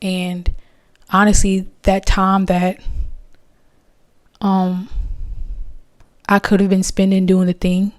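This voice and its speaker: A woman's voice: medium pitch, monotone, slow pace, pauses often, no room sound. A young woman hosting a podcast, talking candidly and casually about faith, with plenty of slang. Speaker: podcast host.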